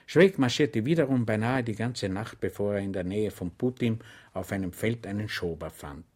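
A man narrating a comic novel as an audiobook reader, in a low, even storytelling manner. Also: normal speed.

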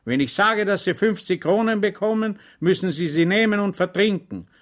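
A man reading aloud, voicing a strict, excitable army lieutenant who gives loud commands. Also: sits high, normal speed, pitched above the performer's own voice, close to an everyday voice. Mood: stern, commanding.

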